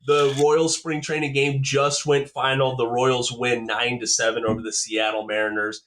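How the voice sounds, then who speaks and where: A young man hosting a sports podcast, upbeat, chatty, and quick to react with enthusiasm. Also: medium pitch, level tone, a bit bright, slight background noise. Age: young adult. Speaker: podcast host. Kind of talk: casual chat.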